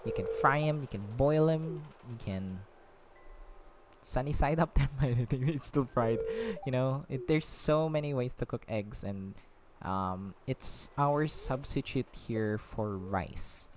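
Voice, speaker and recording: A man's voice: medium pitch, slow pace, noisy background. A man from the Philippines chatting casually while playing a game, rambling with lots of ums and a slightly breathless voice. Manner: rambling, many fillers, easily sidetracked. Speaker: gaming vlogger.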